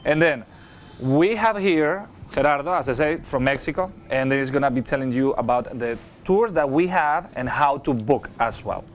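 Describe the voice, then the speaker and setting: A man's voice: medium pitch, moderate pace, a little hiss or hum. A man with an upbeat, jokey cruise director manner, chatting casually as host of a ship's morning show.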